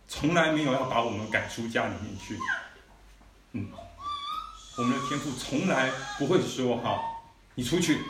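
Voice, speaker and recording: Man telling a sermon story in a hall. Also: mid-range voice. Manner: conversational storytelling, frequent "you know" asides. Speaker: preacher sharing testimony. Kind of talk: sermon testimony. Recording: echoey hall, mic at a distance, faint noise.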